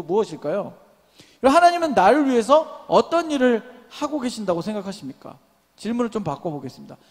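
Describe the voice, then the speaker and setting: In a church sanctuary, a young male pastor with a high-pitched voice preaches to a young adults' service, asking the congregation many questions and calling for responses and amens, his words followed by a long reverb tail.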